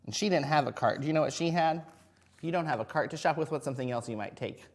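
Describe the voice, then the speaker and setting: A man teaching young children in a video lesson, encouraging, using simple words and asking frequent questions as if talking to little kids. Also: a little high. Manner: encouraging, singles out and spells words slowly. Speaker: first grade teacher.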